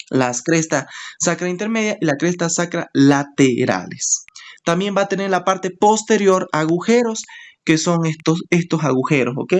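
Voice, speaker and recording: Male anatomy teacher, walks students through it step by step, repeats the key terms, keeps checking in with them. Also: high voice. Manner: explains step by step, often checks in with "¿ok?". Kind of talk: screen-share anatomy lesson.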